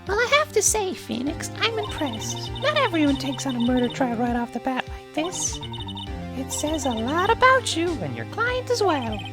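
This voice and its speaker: A man voicing a composed young woman defense attorney in a strained high falsetto, reading game dialogue aloud while playing. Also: sing-song, moderate pace, over music. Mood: encouraging.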